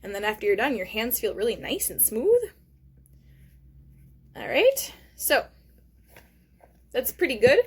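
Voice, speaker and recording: Female kids show host, higher register, speaks straight to young viewers, casual step-by-step craft demo, encouraging. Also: sing-song, unhurried, long pauses, husky. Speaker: host of a children's craft lesson. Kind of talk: hands-on craft demonstration, casual narration.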